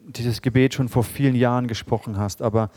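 A middle-aged male pastor preaching with repeated rhetorical questions, then leading a hushed prayer. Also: mid-range voice, steady tone, a little fast, no room sound. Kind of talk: sermon and led prayer. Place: church service with live music. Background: soft instrumental music.

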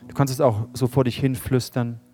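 A middle-aged male pastor preaching with repeated rhetorical questions, then leading a hushed prayer. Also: mid-range voice, level tone, normal speed. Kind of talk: sermon and led prayer. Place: church service with live music. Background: soft instrumental music.

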